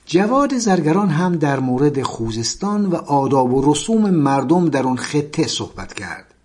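A man narrating a memoir in measured storytelling, often dropping to soft tones. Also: a little high, slightly rough.

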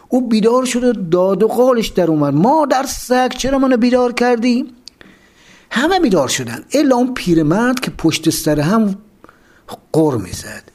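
A man narrating a first-person memoir, telling it in an animated way and acting out the dialogue. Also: a little high. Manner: animated storytelling with acted dialogue.

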